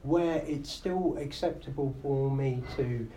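This comedian and radio host speaks slowly in a mellow, mid-range voice while fielding questions on a podcast. His talk is relaxed and reflective, full of fillers, recorded in a live room with a little noise.

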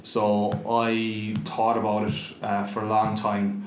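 A man's voice: on the low side, completely flat delivery, takes it slowly. A man in his twenties with a west of Ireland accent, talking casually as an interview guest. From Galway, Ireland. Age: 20s. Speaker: interview guest, business co-founder. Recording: echoey room, faint background noise.

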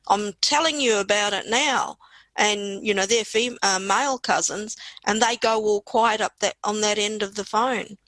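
A woman's voice: mid-range voice, moderate pace, a bit bright, no room sound, low-quality recording. Female poet guest, Australian accent, mid-range voice in a dry recording, reflective conversational storytelling. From Western Australia. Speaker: poet being interviewed.

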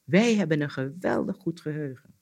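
A man voicing a male cricket in a spoken folk tale, smug at first and then slow and puzzled. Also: on the high side, expressive, darkish tone.

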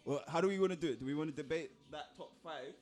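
A man's voice: on the high side, fast talker, darkish tone, faint music behind. A man with a London roadman accent and slang, hosting a casual podcast discussion. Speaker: podcast host.

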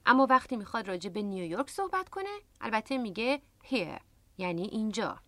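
A woman's voice: medium pitch, very animated, a bit bright, no room sound. A woman hosting a radio language lesson, explaining words patiently into a close studio microphone. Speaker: English teacher and radio host.

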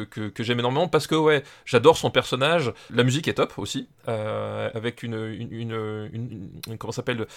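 A man's voice: medium pitch, fairly bright tone. A man with a French accent on a podcast, enthusiastic, repeating words and stacking fillers as he talks. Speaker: podcast guest. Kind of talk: casual podcast chat.

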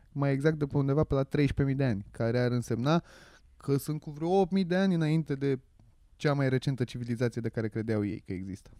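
A man co-hosting a podcast, explaining things slowly with hesitations. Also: on the high side, mellow, no room sound, studio quality. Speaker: podcast co-host. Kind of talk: casual chat.

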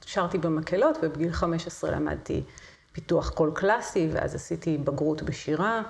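A woman's voice: sits low, vocal fry, a little mellow. A middle-aged woman, a singer and voice teacher, telling her story as an interview guest, vivid and with hesitant fillers. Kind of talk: conversational interview.

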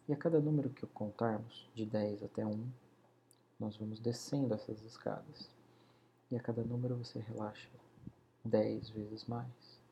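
A man slowly guiding a hypnosis session, counting down in a soothing voice that often sinks to a whisper. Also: medium pitch, mellow, dull audio, a little hiss or hum. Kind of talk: guided hypnosis induction.

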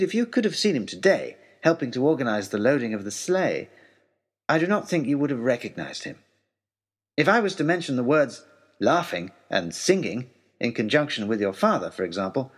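A man performs the role of an eager, earnest young adventurer and gentleman, delivering a letter in a formal, long-winded, wry manner with deliberate pauses. He has a slightly rough mid-range voice.

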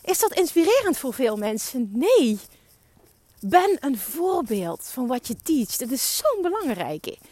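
High-voiced, urging woman coach. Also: darkish tone, dry recording. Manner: emphatic, urging, swears for emphasis. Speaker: podcast host and business coach. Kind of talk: motivational monologue.

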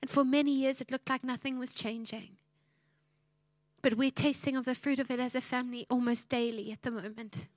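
A woman's voice: high voice, flat delivery, brisk, no room sound. A woman, preaching a sermon and telling a family story in a heartfelt, emotional way. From South Africa.

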